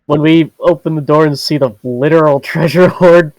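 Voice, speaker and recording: A man's voice: a little high, steady tone, normal speed, a crowd in the background, low-quality recording. A man playing in a tabletop game, chatting casually and laughing easily. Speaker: player.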